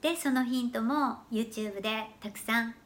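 A woman's voice: a little high, moderate pace. A woman giving an earnest, explanatory lesson about learning English pronunciation. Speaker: English teacher. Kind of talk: educational talk to camera.

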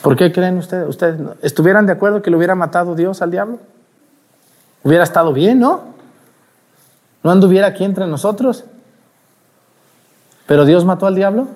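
Animated priest preaching at mass. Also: male voice, high-pitched, normal speed, long pauses. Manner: animated, asks the congregation rhetorical questions. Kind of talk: sermon at mass.

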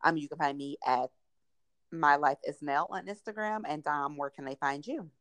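A woman's voice: low voice, moderate pace, fairly bright tone, no echo. A woman hosting a casual podcast, frank and colloquial with emphatic delivery. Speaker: podcast host.

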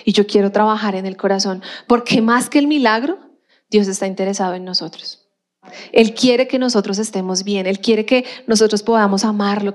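A woman pastor preaching a sermon in a lively, conversational way, acting out everyday scenes. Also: mid-range voice.

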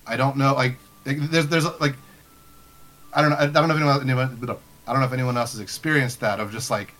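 A man's voice: medium pitch, steady tone, fast, a bit bright. A young man hosting a podcast as game master, talking casually and rambling with many restarts and fillers. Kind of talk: casual chat.

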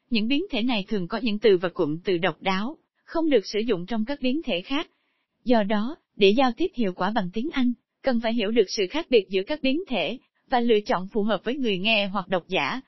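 A woman with a slightly high voice reads a scripted narration at a steady, even pace. The sound is dry and close, with no room around it, on a somewhat dull, lo-fi recording. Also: dry recording.

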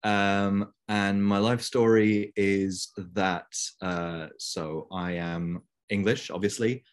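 Young male guest, low voice, rambling easy chat, video call. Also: fairly even intonation, slow, clean tone. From Belgium. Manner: chatty, many fillers. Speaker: interview guest. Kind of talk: casual conversation.

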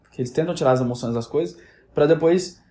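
A man's voice: fairly high pitch, quick pace, dark tone. A man, ranting casually and animatedly, rambling with frequent restarts. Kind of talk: casual rant.

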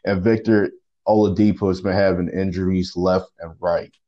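A man co-hosting a sports podcast over a phone line, talking casually with halting restarts and slang. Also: deep voice, little pitch movement. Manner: halting, repeats words, slangy. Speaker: podcast co-host.

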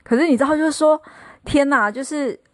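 A middle-aged woman hosting a casual solo podcast, telling stories in a chatty, animated way. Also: sits high, a little fast, no room sound. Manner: chatty, animated storyteller who mimics others. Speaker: podcast host.

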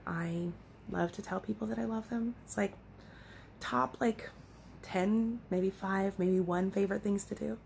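A woman's voice: medium pitch, creaky, darkish tone, slight background noise. A young woman vlogging at home with her cat, chatting casually in a rambling, giggly way and swearing now and then. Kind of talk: casual chat to the camera.

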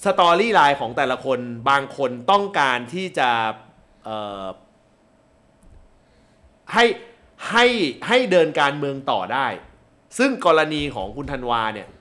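Lively-pitched man giving frank opinions. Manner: halting, restarting phrases, frank opinions. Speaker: political talk show panelist. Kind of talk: casual political chat.

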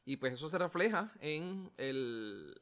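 A man with a Puerto Rican Spanish accent co-hosts a podcast, chatting casually about politics. His fairly high, slightly bright voice is very animated yet slow-paced, and his talk is slangy and rambling with many restarts.

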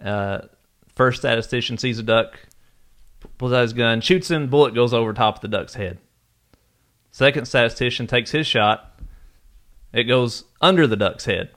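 A man co-hosting a casual podcast, self-deprecating and halting, telling nerdy jokes at a desk mic. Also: mid-range voice, a bit bright. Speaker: podcast co-host. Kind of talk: casual chat.

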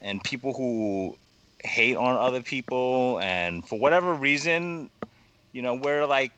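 Rambling, bright-voiced male podcast guest. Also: mid-range voice, expressive. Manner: rambling, halting, heavy fillers and swearing. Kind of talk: casual podcast conversation.

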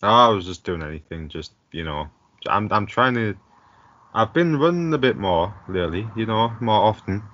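A man with a smooth, monotone voice, co-hosting a casual podcast chat over an online call, laid-back and often chuckling. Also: on the low side, normal speed, dull audio. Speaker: podcast co-host. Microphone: online call mic.

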